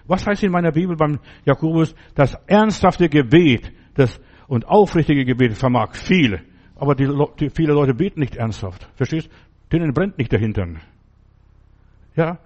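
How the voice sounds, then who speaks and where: A man's voice: a little high, lively intonation, moderate pace, a little mellow. A man preaching a sermon in a blunt, insistent way, talking straight to the listener. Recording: dull lo-fi recording.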